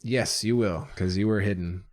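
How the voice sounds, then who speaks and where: A young man narrating a tabletop game as game master, relaxed and hesitant, with many fillers. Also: fairly low pitch, moderate pace, dry recording.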